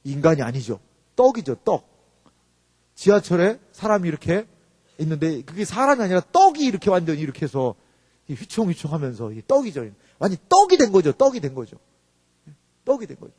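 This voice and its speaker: A male pastor giving an animated sermon, acting out quoted voices and rising to shouts. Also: on the high side, a little fast. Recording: long reverb of a hall.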